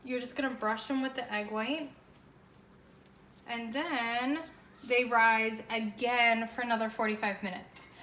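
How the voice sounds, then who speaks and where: Unhurried and steady in tone, a woman with a fairly high, pushed and bright voice leads a home baking tutorial, chatting informally as she explains each step. It's recorded in an echoey indoor home kitchen with faint background noise.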